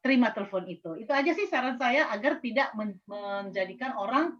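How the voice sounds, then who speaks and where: Woman, high-pitched, bright voice, gentle advice, muffled call audio. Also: lively intonation, brisk, crowd noise. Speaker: prayer group participant. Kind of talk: giving advice on a video call. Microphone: video call.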